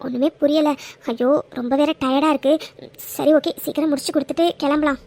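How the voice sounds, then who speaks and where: A woman doing a young cartoon office worker, firm and dismissive but easily rattled. Her voice sits high, with a faint ambient hum behind it. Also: fairly even intonation, quick pace, darkish tone. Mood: tired. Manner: stern and dismissive when confronted. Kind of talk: cartoon voice acting.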